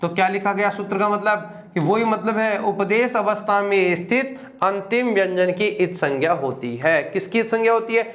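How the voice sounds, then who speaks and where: A man's voice: high voice, moderate pace, few pauses, fairly bright tone. A man teaching a grammar lesson who keeps asking questions and answering them himself, repeating key terms with emphasis. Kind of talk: classroom lecture.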